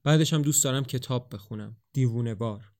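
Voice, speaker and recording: A proud young woman who answers curtly, read plainly by a male narrator. Her lines are short and dismissive, delivered at a middle pitch. It is a storybook reading with little put-on voice. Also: a little mellow, lightly acted. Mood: dreamy. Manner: curt, dismissive, then dreamy.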